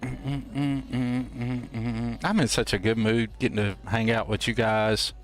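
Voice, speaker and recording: A man's voice: fairly low pitch, steady tone, moderate pace. A man hosting a game stream with casual, folksy, playful and rambling commentary. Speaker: host of a gameplay livestream.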